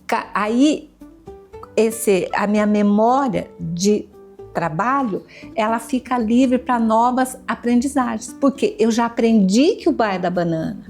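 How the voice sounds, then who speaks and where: A woman's voice: on the high side, measured pace, a little mellow, soft background music. Teacherly woman explaining patiently. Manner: patient, teacherly, repeats examples. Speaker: educator guest. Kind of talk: explanatory interview talk.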